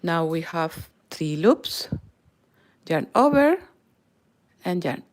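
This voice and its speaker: The middle-aged crochet channel host from Peru, whose first language is Spanish, gives a live lesson in careful English with a Spanish accent, often near a whisper. Her voice is on the low side, very animated, and slow-paced.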